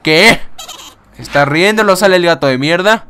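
A young man casually commenting on a game, excitable, swearing and laughing often. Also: high-pitched, moderate pace, clear, resonant tone. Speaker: gaming YouTuber. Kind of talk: casual let's-play commentary.

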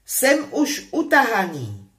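A woman's voice: medium pitch, very animated, natural voice. A woman voicing a frustrated, defensive teenage boy wizard in a storybook reading, speaking up with insistence. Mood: exasperated.

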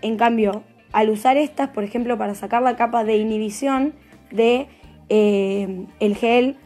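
A woman's voice: a little high, measured pace, a little mellow, soft background music. A young woman with an Argentine accent, teaching a live nail tutorial in a chatty way, checking in with "¿sí?" after nearly every point. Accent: Argentine Spanish. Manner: chatty, keeps asking "¿sí?".

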